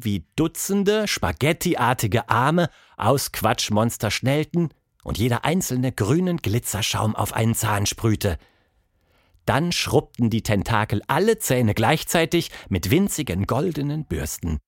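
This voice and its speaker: A man narrating a children's story in a scripted, expressive way. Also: mid-range voice, no echo, studio quality.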